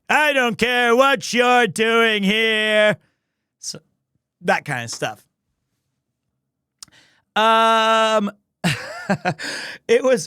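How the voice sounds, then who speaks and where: Guy streamer with a highish voice, dry close sound, rambling playful chat with viewers. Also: fairly bright tone, no echo. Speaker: livestream host, amateur voice actor.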